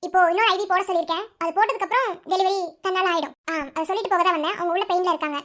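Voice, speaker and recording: A woman voicing a calm woman doctor who reassures worried relatives in a firm, soothing way. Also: very high voice, racing. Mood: reassuring. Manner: soothing, firm, mixes English words. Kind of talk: cartoon voice acting.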